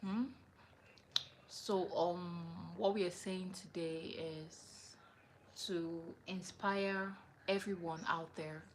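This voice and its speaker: A woman hosting a livestream, giving a motivational talk in a slow, repetitive, emphatic way with many fillers. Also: fairly low pitch, slight background noise.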